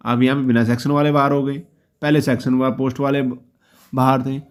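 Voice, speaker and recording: A man hosting his own channel, talking through a job policy in an informal, reassuring way and often closing a point with a quick check-in. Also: medium pitch, little pitch movement, clean tone. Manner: explanatory, reassuring, often ends points with "ठीक है". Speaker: YouTube channel host explaining job policy. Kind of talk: informal explainer talk.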